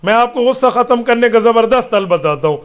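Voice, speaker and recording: A man's voice: very high voice, expressive, clear, resonant tone. A man answering listeners' religious questions as a mufti, speaking emphatically with rhetorical questions and repeated parallel phrases.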